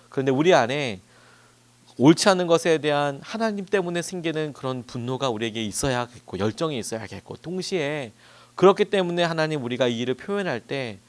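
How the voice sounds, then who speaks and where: Man, pastor, dawn-service sermon, conversational storytelling, animated pitch. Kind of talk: sermon at a dawn prayer meeting.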